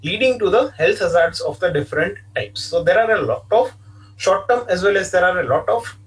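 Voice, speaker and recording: With a high, animated voice moving a little fast, a man gives an online engineering lecture, patiently explaining, going over points again, and leaning on "okay" as a filler. The mic sounds distant.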